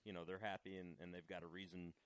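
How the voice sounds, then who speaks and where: A man with a fairly low voice talks quickly as a race car driver guest on a chat show. He explains at length in a relaxed, conversational way. He often stops and restarts his sentences. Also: smooth, dry recording, low-quality recording. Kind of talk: casual chat.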